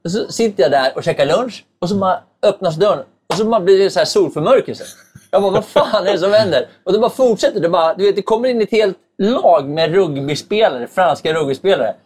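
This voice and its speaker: Male podcast host, lively chatty storyteller, somewhat high-pitched, loose language. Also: slight background noise. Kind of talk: casual podcast chat.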